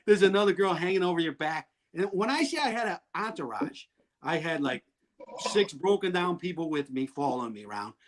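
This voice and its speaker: High-voiced guy, excitable, yells out the quotes and laughs a lot. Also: a little fast, a little hiss or hum. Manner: excitable, acts out quotes loudly, laughs often. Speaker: guest telling stories. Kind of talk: animated storytelling.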